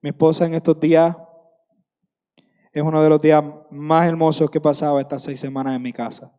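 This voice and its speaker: A man's voice: on the high side, little pitch movement, a little fast, mellow, clean tone, long reverb tail. A man in his thirties preaching a sermon with passion, repeating phrases for emphasis.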